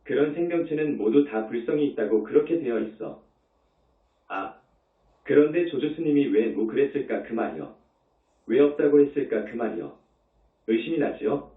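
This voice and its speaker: A man's voice: mid-range voice, lively intonation, moderate pace, pauses often. A man who is a Buddhist monk, giving a dharma talk in an emphatic way, repeating his points and asking rhetorical questions. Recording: tinny, echoey, distant.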